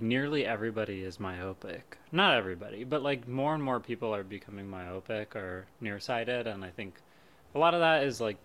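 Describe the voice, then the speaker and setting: A man's voice: mid-range voice, a bit bright. A young man co-hosting a podcast in casual chat, hesitant, with many fillers and restarts and frequent laughter. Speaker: podcast co-host.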